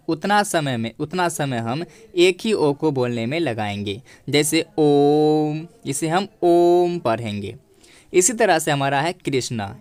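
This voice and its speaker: A man's voice: on the high side, no echo. A man teaching a grammar lesson, explaining each point patiently and repeating it, speaking to viewers as friends.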